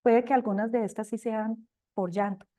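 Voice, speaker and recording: An older Colombian woman speaks warmly and expressively, turning to her listeners as companions. Her voice sits a little high and sounds mellow, and at times it grows loud. She is sharing her own experience over a video call. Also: steady tone, moderate pace. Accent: Colombian Spanish. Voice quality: talks loudly at times. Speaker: speaker at a recovery group talk. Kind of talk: personal sharing talk.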